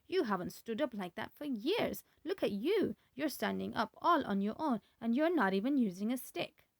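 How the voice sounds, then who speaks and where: A woman voices an eager young boy who calls out in a raised, urgent voice. His lines sit higher than her narration. The recording is dry and close. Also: sing-song, normal speed, gravelly, dry recording, exaggerated voice. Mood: eager, alarmed. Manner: eager, pleading.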